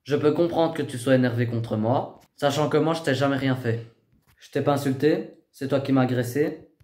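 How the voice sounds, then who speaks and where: A man working as a youth educator, speaking firmly and insistently but keeping a calm voice during a tense reality TV confrontation. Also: medium pitch, moderate pace, roomy sound. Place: inside a family apartment.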